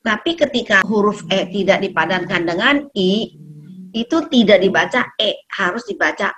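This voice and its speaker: A woman teaching Mandarin pronunciation, explaining each sound and repeating it slowly to demonstrate. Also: medium pitch, a crowd in the background. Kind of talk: pronunciation lesson.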